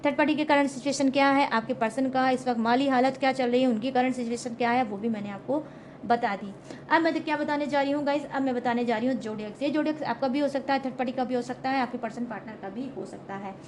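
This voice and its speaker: A woman's voice: sits high, fast talker, slight background noise. A young woman giving a casual tarot reading to her viewers, chatty and emphatic, checking in with them often. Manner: chatty, repeats "ठीक है?" and "guys" often; emphatic, confident predictions. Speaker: tarot reader.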